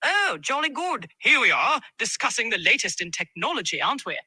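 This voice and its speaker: A woman's voice: on the high side, big pitch swings, a little fast, bright, forceful tone, breathy edge, no room sound, pitched above the performer's own voice, heavily acted. An AI chatbot voice with a woman's sound, putting on a British accent as a jaunty tech enthusiast. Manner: jaunty, upbeat exclamations. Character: chipper British male-or-female tech enthusiast, gushing. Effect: synthetic AI chatbot voice.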